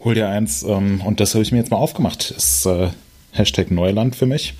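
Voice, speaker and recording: Male co-host with a very low voice, relaxed and unhurried, office setting. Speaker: podcast co-host. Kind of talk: casual podcast chat.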